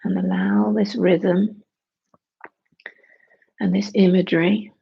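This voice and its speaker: Slow, very creaky, breathy meditation guide. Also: mid-range voice, little pitch movement, muffled recording. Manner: hushed, unhurried instruction with long pauses.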